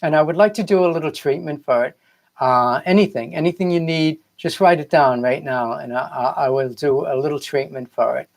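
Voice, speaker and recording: This older or middle-aged Boston man has a fairly high voice with vocal fry and speaks a bit quickly. Hosting a casual motivational livestream as a spiritual coach, he sounds earnest, wanders off topic, and says things over again to drive them home.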